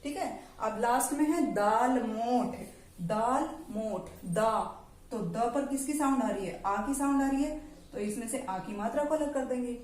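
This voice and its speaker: A woman teacher giving an online lesson to young children, slowly and patiently sounding out syllables and words. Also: on the high side, a little mellow. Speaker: primary school teacher. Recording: echoey room.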